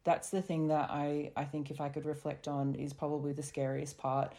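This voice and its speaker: Over a remote call, a woman guest shares lived experience in a candid podcast conversation, reflective and measured with small restarts. A voice disguise deepens her voice for anonymity, and her tone is level and warm.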